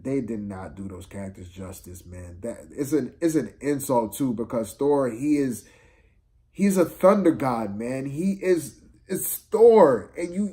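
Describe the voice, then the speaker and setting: A man with a medium-pitched, warm voice vents about a film in a casual, unplanned review. He sounds exasperated, leans on slang, and repeats himself haltingly to stress his points.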